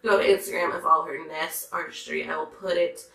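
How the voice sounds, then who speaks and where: A hoarse, congested woman talking in a chatty, gushing way, reviewing makeup. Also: sits low, fairly even intonation, a little fast, a bit bright, roomy sound, low-quality recording. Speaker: beauty vlogger. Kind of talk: casual makeup review chat.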